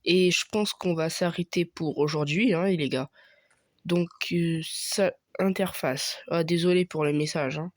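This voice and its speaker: A man's voice: a little high, fairly even intonation, a little slow, dry recording, clean studio sound. A young man giving casual commentary over his own gameplay, thinking aloud with many hesitations and fillers. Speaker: gaming youtuber.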